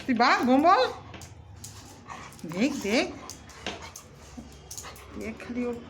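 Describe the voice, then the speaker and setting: A woman's voice: high-pitched, very animated, takes it slowly, noisy background. A woman playfully scolding and coaxing her pet, with repeated exclamations and pleading. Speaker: pet owner.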